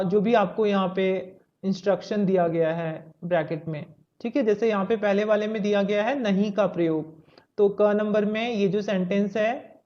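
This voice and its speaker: A woman's voice: mid-range voice, darkish tone. A woman teacher patiently walking young children through a Hindi textbook exercise step by step, mixing in English words. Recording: slightly dull lo-fi audio.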